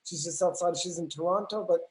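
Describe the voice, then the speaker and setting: A woman's voice: lowish voice, fairly quick, a little mellow, rough recording. A woman hosting a live-stream video chat, effusive and gushing with praise. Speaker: host.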